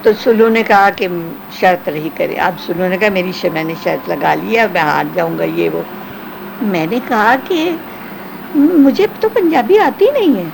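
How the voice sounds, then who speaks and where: Over a noisy background, a former film actress, now older, shares memories in an interview with animated storytelling, voicing the people she quotes. She has a medium-pitched voice with vocal fry.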